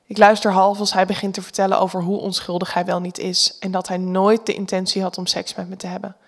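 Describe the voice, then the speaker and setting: Calm Dutch woman narrating a story. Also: mid-range voice, quick pace. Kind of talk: scripted first-person narration.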